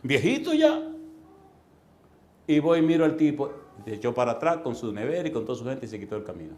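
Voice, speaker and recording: A middle-aged man preaching a sermon in a church, telling comic stories with sudden loud bursts and sound effects and putting questions straight to the congregation. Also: medium pitch, very fast. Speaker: pastor. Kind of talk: sermon with comic personal anecdotes.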